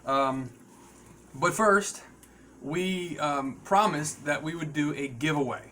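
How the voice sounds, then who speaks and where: A man hosting a casual, unscripted podcast, rambling and halting as he repeats words and addresses viewers. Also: on the high side, pushed and bright, a little hiss or hum. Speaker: podcast host.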